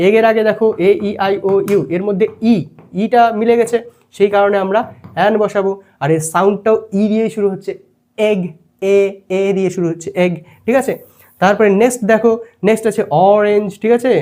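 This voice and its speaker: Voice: medium pitch, dark tone. Teacher explaining grammar patiently. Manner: explains step by step, checks in often with questions. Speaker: English teacher. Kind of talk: classroom grammar lesson.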